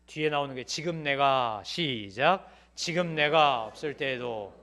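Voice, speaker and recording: A middle-aged man preaching a Sunday sermon in a church, telling personal stories and swinging from loud pleading to hushed asides. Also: medium pitch, expressive, measured pace. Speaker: pastor. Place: church sanctuary.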